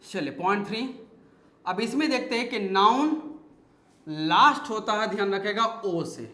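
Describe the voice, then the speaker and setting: A man's voice: high-pitched, expressive, a little slow, pushed and bright, a little hiss or hum. A man teaching English grammar in a lesson. He spells out words letter by letter, asks his students questions and answers them himself. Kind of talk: classroom-style lesson. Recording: echoey room.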